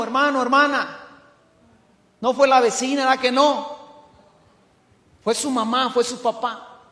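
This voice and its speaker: A middle-aged Mexican man preaching a sermon as pastor, emphatic, swinging from loud to hushed. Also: extremely high pitch. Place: church hall. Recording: echoey church hall.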